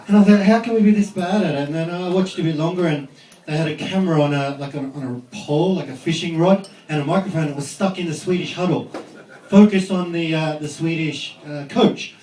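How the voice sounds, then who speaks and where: A man's voice: high voice, mellow. A man with an Australian accent doing a chatty, self-deprecating stand-up set on a club stage. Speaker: stand-up comedian. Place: comedy club stage with audience. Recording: echoey club, distant mic, crowd laughter.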